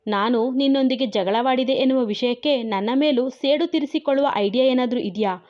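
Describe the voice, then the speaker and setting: A woman voicing a feisty, sharp-tongued young wife who chatters quickly, in a dull lo-fi recording. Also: high voice, natural voice. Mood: scolding.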